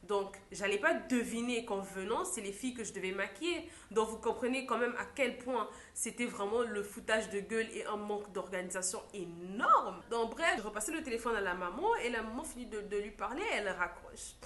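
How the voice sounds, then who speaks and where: A young woman, a makeup artist, telling a story in a lively vlog style and acting out what others said. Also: mid-range voice, a little fast, few pauses, slight background noise. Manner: animated storytelling, acts out quotes. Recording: echoey room.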